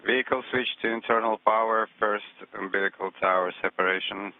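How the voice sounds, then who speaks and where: A man's voice: fairly low pitch, fairly even intonation, brisk. A man giving terse, clipped status reports as a mission control communicator over a breaking-up space radio link. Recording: tinny radio comms channel.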